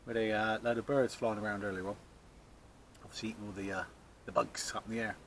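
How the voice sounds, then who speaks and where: This allotment vlogger talks fast in a fairly low voice with little pitch movement. Holding a camera close to his face by a shed in an outdoor allotment garden, he chats casually, jokes about himself, and laughs at himself in a chatty, self-mocking manner.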